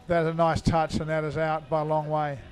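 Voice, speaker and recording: A rather high-voiced man calling an indoor cricket match live. He talks in a loose, chatty way with plenty of fillers and sudden loud shout-outs to viewers. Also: monotone, brisk, soft background music. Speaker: cricket commentator. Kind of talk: live sports commentary.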